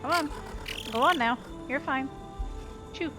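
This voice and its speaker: Speaking a little slowly in a high-pitched voice, a female gamer offers casual, self-deprecating commentary as she plays. She thinks aloud informally, with the game's music and sounds behind her.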